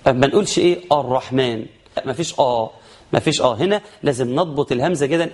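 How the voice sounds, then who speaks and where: A man with an Egyptian accent teaching Quran recitation rules, explaining quickly and then chanting verses slowly. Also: medium pitch, a little mellow. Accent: Egyptian Arabic. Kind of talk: tajweed lesson with chanted examples.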